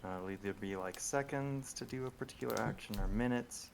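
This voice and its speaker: A man running a tabletop horror game over group voice chat, talking in a relaxed, rambling way with many ums. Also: mid-range voice, a little fast, gravelly, over a noisy crowd. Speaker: game master.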